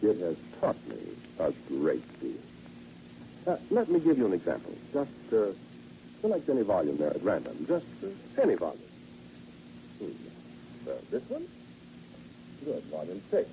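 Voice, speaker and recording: A radio drama actor gives a heavily acted performance with huge pitch swings as a genteel, henpecked encyclopedia salesman who is chatty yet quietly sinister, speaking in a lowish voice. The one-sided vintage horror monologue is smug, affable, polite, halting, insinuating and theatrical, and the recording is dull and noisy.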